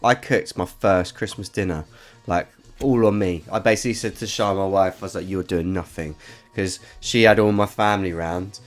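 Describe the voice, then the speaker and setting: A man co-hosting a podcast, chatting casually and telling stories animatedly, getting loud when excited. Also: fairly low pitch, normal speed, faint music behind. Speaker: podcast co-host. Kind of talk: casual chat.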